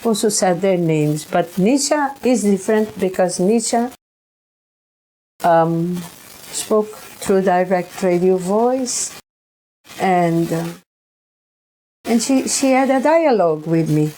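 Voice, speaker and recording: A woman, telling her own experiences in a halting way, often repeating and restarting words. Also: mid-range voice, expressive, warm tone, slight background noise. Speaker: researcher sharing experiences. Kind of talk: personal recollection monologue.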